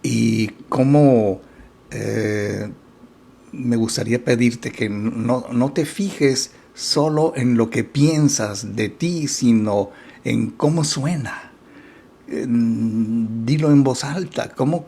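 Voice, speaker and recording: A man hosting a reflective self-help talk show, speaking in an unhurried, thoughtful way with many pauses and soft "mm" fillers and putting gentle questions straight to the listener. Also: mid-range voice, creaky, husky.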